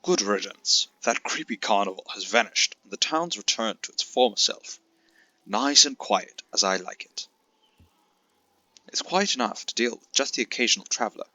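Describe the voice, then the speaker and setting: A cranky old bug who just wants peace and quiet, voiced by a man reading game text aloud. The delivery is loud and theatrical, with a bright, pushed tone that sits a bit higher than a normal speaking voice. He sounds fussy and fed up with noisy visitors. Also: expressive, normal speed, no echo. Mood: grumpy relieved. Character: old male bug villager, grumpy, likes quiet.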